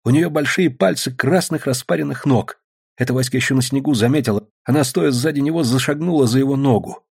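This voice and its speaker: Man, audiobook narration, husky, expressive, mid pitch. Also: brisk.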